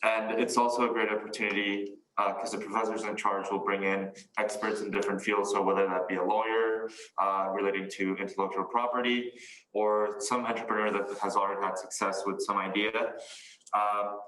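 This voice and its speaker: A man born in Mexico, a first-year student, speaking calmly with frequent fillers. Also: lowish voice, brisk, slight background noise. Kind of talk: casual chat. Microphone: video call. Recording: echoey room.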